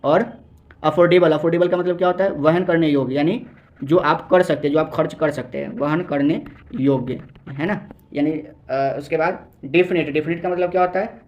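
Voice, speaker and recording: A man's voice: on the high side, steady tone, highs cut off. Man coaching exam English, question-and-answer. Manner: repeats key words as questions to the viewer; reads English sentences slowly. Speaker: exam prep teacher.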